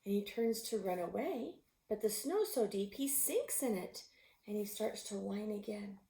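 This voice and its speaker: A woman reading a picture book aloud, expressive, sometimes dropping to a whisper. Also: mid-range voice, moderate pace. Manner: expressive, with gasps and animal sounds; drops to a whisper at tense moments. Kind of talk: storybook read-aloud. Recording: roomy echo.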